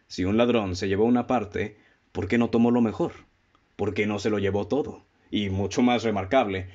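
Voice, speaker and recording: In a radio drama, a man with a Mexican accent plays a methodical, composed detective who leads his listeners through his analysis. His natural voice sits on the low side with a darkish tone, and he delivers formal, literary lines in a deliberate, didactic way. The audio is dull, muffled, and lo-fi.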